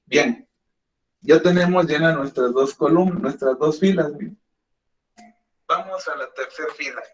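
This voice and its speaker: In an echoey classroom with a dull, lo-fi sound, a man teaches a math class. His voice is on the high side and a little slow as he patiently guides students step by step.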